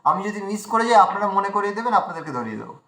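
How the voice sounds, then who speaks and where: A man teaching recitation in an online class, repeating syllables slowly and explaining pronunciation. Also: high voice, very animated, vocal fry, a bit bright, roomy sound. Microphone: video call.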